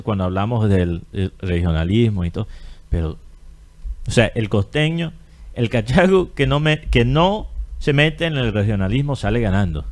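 A man's voice: medium pitch, a little mellow. Argumentative costeño man, rhetorical questions. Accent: Colombian Caribbean coast. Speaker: podcast co-host. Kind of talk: casual opinion chat.

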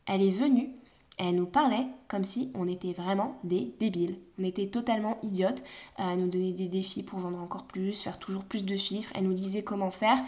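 A woman's voice: mid-range voice, fairly quick, dark tone. A young woman, a former saleswoman, in casual chat, telling stories with emphasis and small hesitations.

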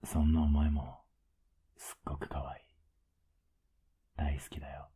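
Whispered role-play, male voice actor as a doting older boyfriend: husky, very low, flat and coaxing. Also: measured pace, full character voice. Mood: teasing tender. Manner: teasing, soft-spoken, coaxing.

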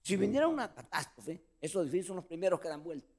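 Animated preaching man, lively pitch. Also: fast, creaky. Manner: preaching with lively pitch swings, addressing listeners as brother. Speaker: pastor. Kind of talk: sermon.

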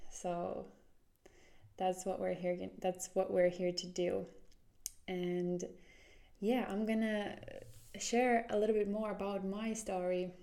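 With a dark, mid-range voice and a Finnish accent, a woman in her twenties from Finland hosts a solo podcast. She comes across as earnest, often restarting as she hunts for the right words.

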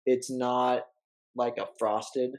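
A man's voice: mid-range voice, little pitch movement, slow. A man co-hosting a casual chat, laid-back, with teasing questions and easy laughter. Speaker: podcast co-host.

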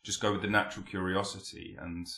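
A man's voice: low voice, level tone, fast, bright, forceful tone. A man hosting a podcast, chatting eagerly with his guest and reading the show's sign-off. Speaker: podcast host. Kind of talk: casual interview and show outro.

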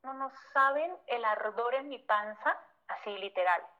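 A fairly high-voiced woman with a Mexican Spanish accent tells a heartfelt story of her own past, full of feeling and quick asides. She acts out the conversations she recalls. The recording sounds dull and lo-fi. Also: animated. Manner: emotional, vivid retelling that acts out past conversations, frequent "o sea" fillers. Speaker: guest, former model.

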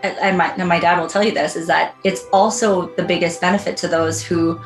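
Speaking at a brisk clip in a fairly low, steady voice, an American home loan professional gives a heartfelt interview answer as a guest. She tells her stories casually, sprinkling in "like" and "you know," while soft music plays in the background and the room adds an echo.

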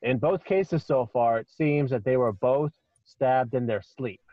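A man improvising narration as a tabletop game master, haltingly, often repeating phrases. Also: medium pitch, no echo, dull audio.

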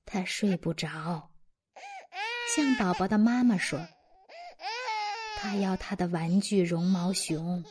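A woman gently reading a children's story aloud as narrator. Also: lowish voice, slow pace, pauses often, background noise.

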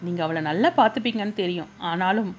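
A man's voice: high voice, a little fast, muffled recording, slight background noise, natural voice. A woman reading a fond elder brother. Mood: wistful. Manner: tender, wistful. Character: young man, fond older brother.

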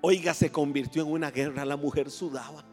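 Male pastor, high voice, sermon storytelling, reverberant hall, soft music underneath. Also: fairly even intonation. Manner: dramatic pauses, asks the congregation questions.

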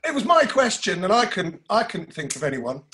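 Rambling comic, slightly high voice. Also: male voice, very animated, a little fast, pushed and bright. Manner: rambling, self-mocking. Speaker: panellist.

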